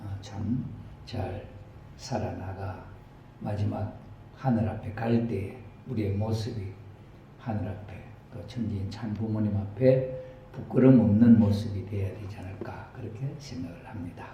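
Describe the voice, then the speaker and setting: A male pastor giving a sermon lecture to his congregation, halting with many fillers and pauses. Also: lowish voice, fairly even intonation, dark tone, highs cut off. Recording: roomy hall with faint hiss.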